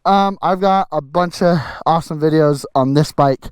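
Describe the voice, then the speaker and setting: An out-of-breath man hosting a casual riding vlog on a desert trail, energetic and whooping as he talks from a helmet mic. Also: on the high side, moderate pace, clean tone, no room sound. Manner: energetic, whooping, laughing between sentences. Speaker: host. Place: outdoor desert trail, riding a dirt bike. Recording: loud engine and wind noise.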